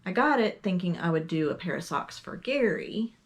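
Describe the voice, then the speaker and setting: A woman from Texas co-hosting a casual podcast, chatting slowly with frequent ums and trailing sentences. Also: fairly low pitch, lively intonation. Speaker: podcast co-host. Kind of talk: casual knitting podcast chat.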